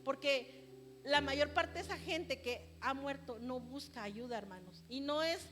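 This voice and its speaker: A woman with a Guatemalan Spanish accent preaching a sermon, earnest and exhorting, slowing down to stress her points. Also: high-pitched, fairly bright tone, slight background noise. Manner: earnest, exhorting, slows for emphasis. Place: church. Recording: church livestream with music behind. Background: instrumental music.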